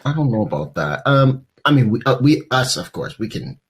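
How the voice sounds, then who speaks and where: Husky young man, rambling and joking. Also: medium pitch, big pitch swings, a little fast. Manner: rambling and joking, laughs often. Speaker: podcast co-host. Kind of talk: casual chat.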